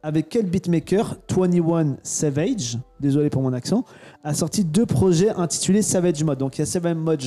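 A man's voice: fairly high pitch, a little fast, mellow, soft background music. A man in his thirties hosting a casual podcast quiz, teasing and playful. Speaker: podcast host.

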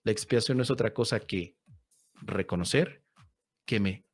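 A man's voice: on the low side, normal speed. A man gives a casual, playful podcast talk as a spiritual teacher, answering a listener in a slangy, conversational way.

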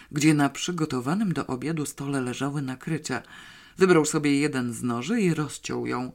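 A lively audiobook narrator with a voice of middle pitch. The telling is dramatic and expressive, with a clear, steady delivery between the characters' lines.

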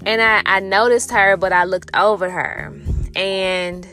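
A middle-aged woman speaks at a measured pace in a mid-range, pushed and bright voice with fairly even intonation, soft music playing underneath. Her casual personal story rambles and reflects, heavy on "you know" and restarts, then turns spiritual.

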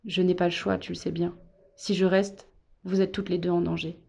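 A woman reading a calm, resigned young father. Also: medium pitch, brisk, vocal fry, natural voice. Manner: quiet, steady, hesitant.

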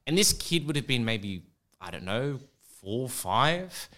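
A man's voice: mid-range voice, big pitch swings, measured pace, bright, forceful tone. A man, a teacher being interviewed, telling casual self-mocking stories with a joking manner.

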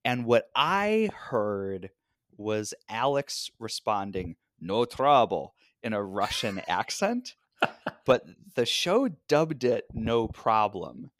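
A man co-hosting a podcast, chatting casually with a joking, animated manner. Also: mid-range voice, slow pace, no room sound, studio quality. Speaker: podcast co-host. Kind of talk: casual chat.

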